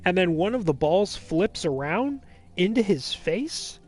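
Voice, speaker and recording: A man hosting a let's play, chatting casually and recapping a film in a rambling, animated way full of fillers. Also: sits high, measured pace.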